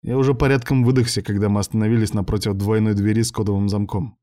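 A man reading a first-person audiobook with steady, even storytelling. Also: lowish voice, fast. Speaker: audiobook narrator.

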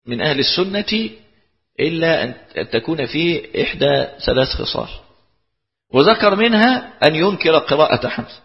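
A man with an Egyptian accent teaching a class, explaining points and posing rhetorical questions that he then answers himself. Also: on the high side. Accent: Egyptian Arabic. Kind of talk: lecture explaining a text. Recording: lo-fi recording in a reverberant hall.

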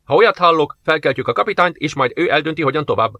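A man voicing a hot-tempered male first officer who gives sharp, commanding orders. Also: a little high, expressive, no echo, muffled recording, heavily acted. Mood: stern.

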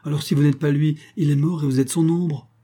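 A shrill, wheedling old grandmother from the back alleys, as a male narrator puts her on, pitched well above his own low voice. Her tone is dark and husky underneath, and she coaxes and pleads in an audiobook reading. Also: fairly even intonation, brisk. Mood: suspicious. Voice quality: shrill, cajoling. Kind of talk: audiobook character voice.

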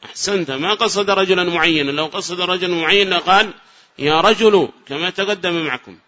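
A man from Yemen teaching a class as a sheikh. He quizzes his students, repeats each example slowly and with emphasis, and praises correct answers. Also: high-pitched, bright, forceful tone. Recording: dull lo-fi lecture recording.

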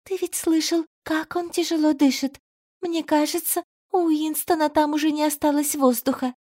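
Fretful female cat, done by a woman, high-pitched, lively, mellow, dry audiobook sound. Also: normal speed, dry recording, natural voice. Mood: worried.

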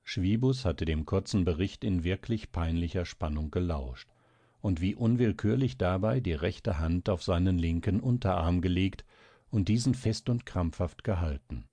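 Deep-voiced male audiobook narrator. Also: moderate pace, dark tone, no room sound. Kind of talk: audiobook reading of a classic novel.

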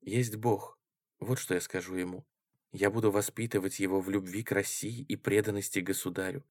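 A man reading an audiobook, voicing a passionate, devout and defiant young woman in a quiet, intense way. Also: mid-range voice, moderate pace, no echo, studio quality, lightly acted. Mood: hushed.

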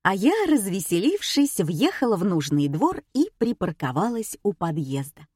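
A woman narrating an audiobook in the first person, wry and even. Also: medium pitch, normal speed, husky, no echo, studio quality.

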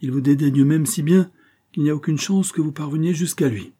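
A man's voice: a little high, brisk, dark tone, breathy edge, pitched above the performer's own voice. A male audiobook reader voicing a sardonic, fearless, frail man with a cutting, sneering delivery. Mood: needling.

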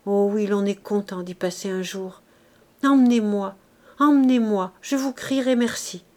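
A woman's voice: medium pitch, little pitch movement, moderate pace, dark tone, lightly acted. A woman reading aloud, voicing a destitute, desperate woman who pleads in a raised voice. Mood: pleading.

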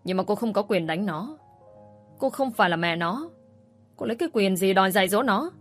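A woman reading the lines of a young housemaid who speaks calmly and firmly. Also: mid-range voice, brisk, faint music behind, close to an everyday voice. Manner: calm, firm. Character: calm firm young housemaid.

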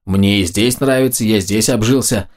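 A man's voice: moderate pace, a little mellow, natural voice. A man voicing a brutish, foul-mouthed male ogre head who screeches for blood in an audiobook. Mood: grumbling. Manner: shrill, screeching battle cries.

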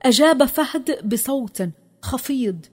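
A woman narrating a children's story, expressive and dropping low in the sad parts. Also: unhurried, husky, soft background music.

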